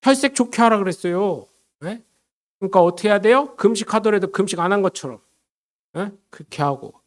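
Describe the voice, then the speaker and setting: A man, a pastor, preaching a lively sermon and often calling out questions to his congregation. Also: high voice, brisk. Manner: switches between solemn blessing and chatty storytelling.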